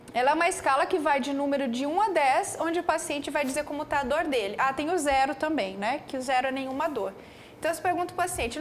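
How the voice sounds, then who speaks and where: Brazilian woman lecturing pharmacists, high voice, lively, keeps asking "tá?" and "né?". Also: slight background noise. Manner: animated, peppers speech with "né" and "tá".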